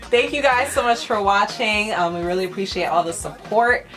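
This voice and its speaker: A young woman hosting a casual vlog chat, animated and quick to laugh, with music behind her. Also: medium pitch. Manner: animated, laughs often, acts out quotes. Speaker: vlogger host.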